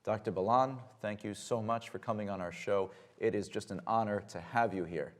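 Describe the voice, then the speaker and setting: A man hosting a public television health interview, opening his lines with energetic emphasis. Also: lowish voice, moderate pace. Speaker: host.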